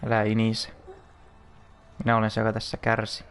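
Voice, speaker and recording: A young man ranting through a video game, loud and exasperated, swearing constantly. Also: lowish voice, monotone, smooth, soft background music. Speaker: gaming YouTuber.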